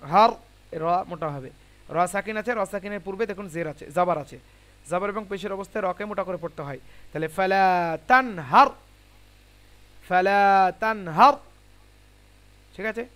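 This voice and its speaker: A man teaching Quran recitation in an online class, spelling out syllables slowly and asking students questions. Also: sits high. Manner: patient, asks students questions.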